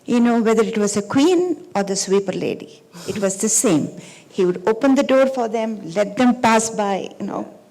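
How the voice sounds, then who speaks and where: A woman speaking as a panelist in an on-stage conversation, reminiscing in a soft-spoken way that trails off quietly at the ends of phrases. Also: mid-range voice, animated, normal speed, rough recording. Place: talk venue stage.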